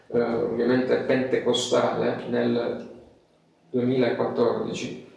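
A man's voice: medium pitch, gravelly, darkish tone. A man preaching a sermon as a pastor, telling a story with many hesitations. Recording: echoey room from far off.

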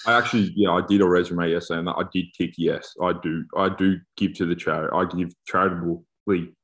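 A man's voice: sits low, steady tone, brisk, a bit bright, rough recording. A man chatting casually on a podcast in a blokey, joking, slangy way. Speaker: podcast co-host, rugby player turned coach.

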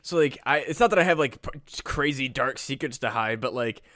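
A man's voice: mid-range voice, brisk, bright, forceful tone, dry recording, studio quality. A man co-hosting a podcast, chatting casually in a rambling way, with lots of "like" and swearing. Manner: rambling, heavy use of "like" and swearing. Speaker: podcast co-host. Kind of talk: casual chat.

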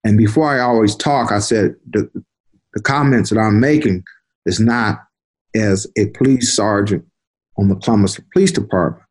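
An older man, a retired detective, telling stories from his career in an unhurried conversational way, often repeating words as he recalls. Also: on the low side, darkish tone, slightly rough. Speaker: interview guest, retired police detective. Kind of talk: conversational storytelling.

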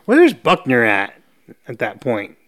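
A man co-hosting a podcast, chatting casually as he recaps a TV episode and acts out quick quotes from its scenes. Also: mid-range voice, wildly swooping pitch, fairly bright tone. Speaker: podcast co-host.

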